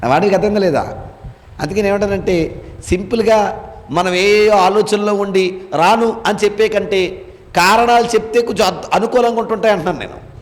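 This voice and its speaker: A man with a high voice leads a congregation through scripture as their pastor. He keeps firing questions back at the room and waits for the answers. His voice rings out in a church hall with a long reverb. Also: normal speed. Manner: quizzes listeners with call-and-response questions. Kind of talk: Bible-study sermon to a congregation.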